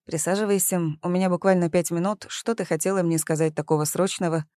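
A woman's voice: fairly low pitch, steady tone, quick pace, warm tone, no echo, studio quality, lightly acted. A woman voicing an arrogant young man who is a mocking boss, talking in a smug, teasing way. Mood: cool.

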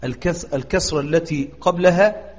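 A man with an Egyptian accent teaching a recitation lesson, quizzing his students and drawing out example words slowly. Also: a little high, a little mellow. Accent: Egyptian Arabic. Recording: echoey, dull lo-fi audio.

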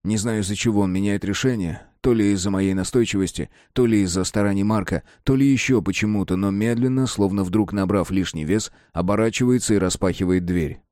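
Male audiobook narrator, low voice, dry close sound, measured first-person reading. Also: a little mellow, no room sound.

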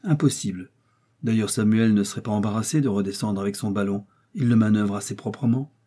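A practical, blunt hunter, read by a male narrator, speaks firmly and plainly. His voice is dark and mellow with a husky edge. He is a figure in an adventure audiobook. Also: on the low side, brisk. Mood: dismissive. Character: bluff male professional hunter, steady and blunt.

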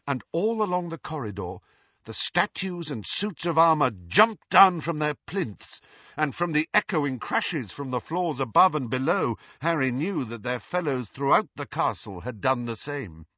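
A man's voice: fairly high pitch, a little slow, no room sound. A man narrating an audiobook expressively, in a dull, dry recording. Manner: expressive, dramatic. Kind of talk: scripted narration.

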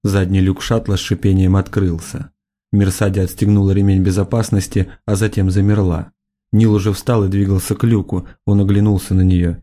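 A male audiobook narrator reads in a steady, measured style. His voice is low and dark, with a mellow tone. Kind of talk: scripted narration.

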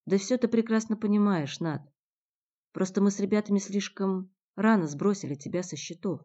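A woman's voice: mid-range voice, normal speed, mellow, natural voice. A woman narrator voicing a blunt, tough young man who speaks curtly and growls his threats. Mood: accusing. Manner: curt, growling. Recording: dull lo-fi recording.

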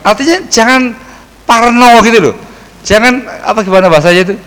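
A man, a religious teacher answering questions in a casual study session, lively and acting out the people he quotes. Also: high-pitched, brisk, clean tone, big-room sound, low-quality recording. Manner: lively, mixes Javanese phrases, acts out quoted people.

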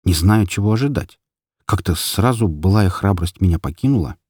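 A man narrating an audiobook story in an expressive, dramatic way. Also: low voice, normal speed, slightly rough, dry recording, clean studio sound.

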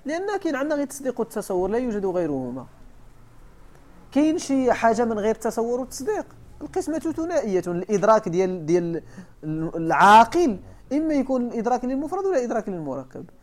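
A man's voice: very high-pitched, sing-song, rapid-fire. A man with a Moroccan accent, a sheikh teaching a classical text, who keeps quizzing his students and repeating the key points. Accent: Moroccan Arabic. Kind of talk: classroom lesson explaining a text.

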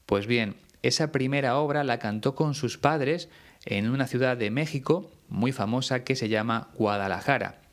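A man from Spain teaching Spanish, explaining words slowly and carefully and spelling them out letter by letter. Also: medium pitch. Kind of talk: slow explanatory lesson.

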